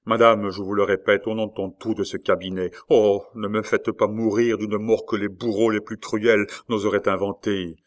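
A man's voice: on the low side, level tone, normal speed, hardly any pauses, natural voice. A man reading aloud, voicing a wounded young nobleman who speaks fervently and pleads with passion. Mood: pleading.

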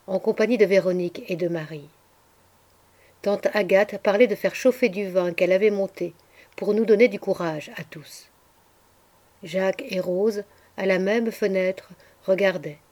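A woman narrating a literary audiobook in a measured, expressive storytelling voice. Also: medium pitch. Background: faint background music.

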